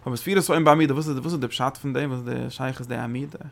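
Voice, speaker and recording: A man delivers a religious study lecture in a gravelly, mid-pitched voice. He talks in halting bursts, doubling back on his words. Every so often he lifts his voice high to drive a point home. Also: fairly even intonation. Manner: halting, repeats words and restarts phrases; sudden emphatic rises when stressing a point. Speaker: Torah teacher.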